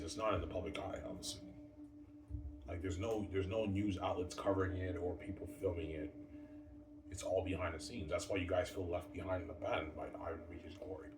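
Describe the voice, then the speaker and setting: Heard from a distant mic, a low-pitched man in his 30s delivers a loose, rambling vlog monologue, addressing viewers as guys and repeating himself often. The room is echoey and there's background noise.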